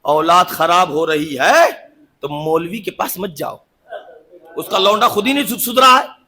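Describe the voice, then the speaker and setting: A man delivering a majlis sermon, moving between soft asides and loud shouted climaxes, joking with his audience. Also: high voice, animated. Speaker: cleric giving a majlis sermon. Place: religious hall, live broadcast.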